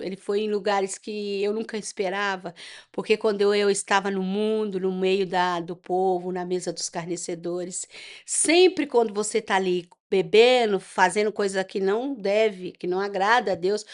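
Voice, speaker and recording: A middle-aged woman with a Brazilian accent, from Brazil, telling her personal testimony as an interview guest and acting out the dialogue in her story. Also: mid-range voice. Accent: Brazilian Portuguese.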